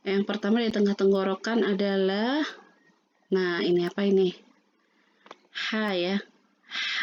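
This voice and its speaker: A woman teaching Quran reading. She slowly drills syllables and repeats them, with many fillers. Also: mid-range voice, a little mellow. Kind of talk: pronunciation lesson with drills. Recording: dull lo-fi sound.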